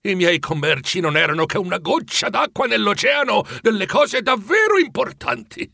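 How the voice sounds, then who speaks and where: A man's voice: very animated, normal speed, vocal fry, sharp tone, dry recording, clean studio sound, exaggerated voice. A man voicing the ghost of a dead old businessman, chained and remorseful, speaking in a mournful, pleading way for a storybook reading. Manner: mournful, pleading, rising in pitch.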